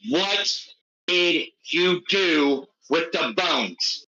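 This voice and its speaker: A man playing a cold, deadpan interrogator in a tabletop game, speaking bluntly and deliberately on a slightly muffled mic. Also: on the high side, heavily acted. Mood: cold menace. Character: Shadow, cold point-blank interrogator with a dagger. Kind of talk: tabletop role-play.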